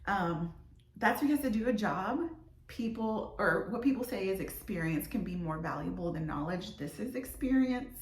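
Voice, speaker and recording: A woman's voice: medium pitch, lively intonation, moderate pace, reverberant. A young adult woman teacher talking casually to kids, chatty and loose, with fillers and restarts. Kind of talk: casual classroom talk to kids on video.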